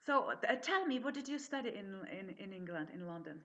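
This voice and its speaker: A woman hosts an interview, her voice rising and falling with lively movement. She asks her guest open, inviting questions. Her pitch sits in a middle range. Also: a little fast. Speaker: interview host. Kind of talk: hosted interview.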